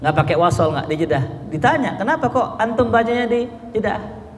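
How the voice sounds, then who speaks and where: A man giving a chatty, humorous religious lecture, slowly chanting Arabic phrases between casual remarks. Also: high voice, expressive. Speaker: ustadz, religious teacher. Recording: echoey hall with long reverb.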